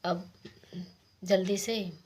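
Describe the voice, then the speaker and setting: A woman casually narrating a village folk tale, softly voicing the lines of each character. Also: mid-range voice, fairly even intonation, drawn-out words, breathy edge. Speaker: storyteller.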